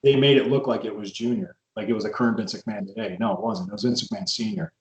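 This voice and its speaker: A man's voice: fairly low pitch, steady tone, fast talker. A man hosting a podcast interview, a former wrestler rambling through old stories with frequent restarts. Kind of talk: casual interview chat. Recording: roomy echo.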